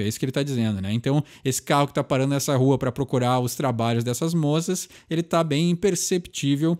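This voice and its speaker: A young man with a Brazilian Portuguese accent explaining song lyrics in a casual way, often ending sentences with a tag question and slowing down to read lines aloud. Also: a little high, a little mellow.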